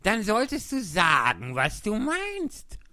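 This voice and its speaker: A man's voice: high voice, huge pitch swings, slow pace, sharp tone, no room sound, clean studio sound, pitched above the performer's own voice, heavily acted. A man doing a testy, drawling hare. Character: fussy grumpy male march hare. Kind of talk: storybook reading.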